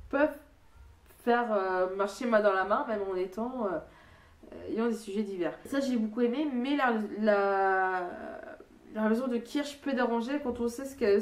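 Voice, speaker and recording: An echoey room and a distant microphone frame a young woman reviewing a book casually. Her voice is mid-pitched and nasal, clogged by a stuffy nose. She rambles hesitantly, often restarting her phrases. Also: darkish tone. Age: young adult. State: congested blocked nose.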